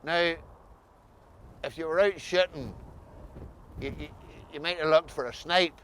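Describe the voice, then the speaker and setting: A man's voice: on the high side, unhurried, a bit bright, slight background noise, poor audio. A man with an Ulster Scots accent, asking questions as the interviewer in a casual chat.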